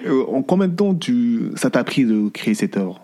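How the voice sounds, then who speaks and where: A man hosting an interview podcast in a relaxed, informal way. His sentences often stall and restart as he encourages his guest. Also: medium pitch, moderate pace. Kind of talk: conversational interview.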